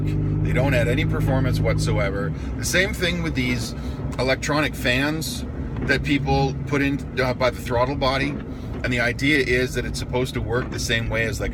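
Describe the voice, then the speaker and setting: An older man giving casual, opinionated car advice in a blunt, grumpy, disapproving manner. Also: medium pitch. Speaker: car enthusiast vlogger. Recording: loud car and traffic noise.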